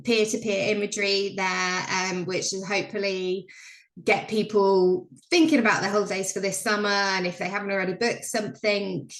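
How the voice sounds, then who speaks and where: A woman's voice: medium pitch, fairly bright tone, echoey room. A woman giving a chatty, filler-heavy business update on a video call. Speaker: presenter on a member call.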